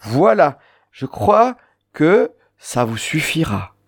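A husky, sing-song voice on the high side moves slowly through an Occitan lesson on the radio. The speaker, a man from southern France with a southern French accent, explains pronunciation rules and illustrates them with spoken examples.

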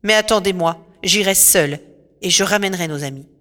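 A woman's voice: fairly low pitch, normal speed, fairly bright tone, lightly acted. A woman voicing a determined male hero captain who speaks firmly and with resolve, in a reverberant storybook recording with faint music behind. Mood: resolute. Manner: firm and resolute.

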